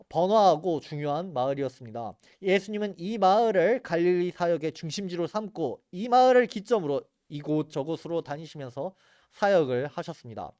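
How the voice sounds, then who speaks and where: High-voiced man teaching Bible geography. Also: a little mellow, smooth, dry recording, studio quality. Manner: earnest, explanatory, points at maps and photos.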